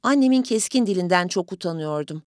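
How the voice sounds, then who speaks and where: A woman reading a story aloud in an even, measured storytelling manner. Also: fairly low pitch, no echo, clean studio sound. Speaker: audiobook reader. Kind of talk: scripted story narration.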